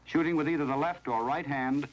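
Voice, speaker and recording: With a slightly high voice, an American man presents scripted narration in the formal, measured manner of a 1970s training film. It plays on a vintage film soundtrack and is recorded at low quality.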